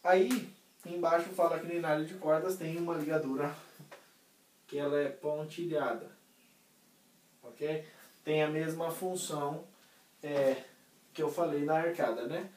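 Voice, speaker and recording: Man, music theory teacher, casual lesson, slightly high voice, echoey room, a bit far from the mic. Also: fairly even intonation, unhurried, long pauses, darkish tone, slight background noise. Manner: explains step by step, checks in with "tá?", sings and vocalizes examples. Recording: roomy, voice somewhat off-mic.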